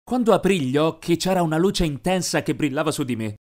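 A man narrating an animated story in a scripted, expressive way. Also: a little high, fairly quick. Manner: lively, expressive.

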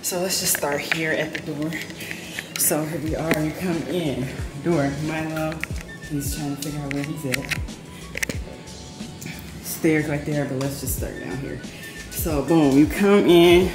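Steady in tone and taking her time, a woman gives a casual, upbeat vlog tour of her new apartment, chatting away while filming herself handheld. Her frequent "boom" and "period" ring through the echoey, empty indoor rooms, with music playing behind.

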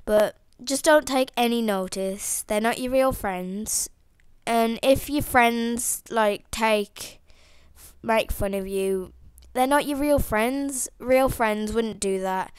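Sniffly with a cold, a teen toy video maker rambles through a casual outro at home, speaking into a headset mic with lots of fillers and false starts. Her voice is a little high and smooth, and she takes it slowly. The recording is dry.

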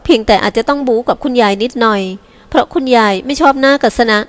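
หญิงพากย์เป็น พี่สาวเสียงสูงคาดคั้น. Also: female voice, fairly high pitch, fast, in a large hall, natural voice. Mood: coaxing. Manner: pressing, demanding. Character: composed, protective older sister.

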